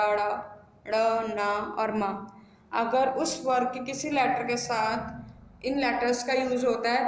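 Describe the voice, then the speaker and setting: A woman school teacher giving a grammar lesson, spelling words out slowly and mixing English words into her explanations. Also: fairly high pitch. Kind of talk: recorded Hindi grammar lesson. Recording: echoey room.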